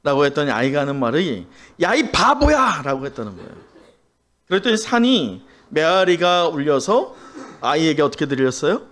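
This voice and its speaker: Lively high-voiced male pastor preaching. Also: brisk. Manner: asks the congregation questions and has them repeat phrases; animated storytelling delivery. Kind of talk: sermon.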